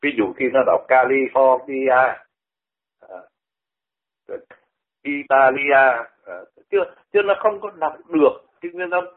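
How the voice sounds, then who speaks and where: With a sing-song, medium-pitched delivery at normal speed, an older man from Vietnam talks on the radio about pronunciation. He repeats words to demonstrate them in a conversational style, over a phone-like radio line.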